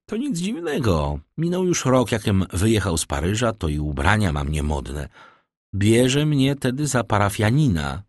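A man voicing a vain, cheerful young gentleman, lifting his voice higher and airier, read in an audiobook. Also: sing-song, a little slow, dry recording, studio quality, exaggerated voice. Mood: airy.

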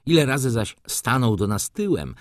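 A man narrating an audiobook in a calm, measured storytelling manner. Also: medium pitch, no echo, studio quality. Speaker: audiobook reader. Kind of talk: scripted narration.

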